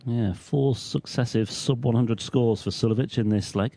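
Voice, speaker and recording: A male lead commentator describes live darts in a measured way. His voice is medium in pitch and notably dark and relaxed in tone. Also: vocal fry.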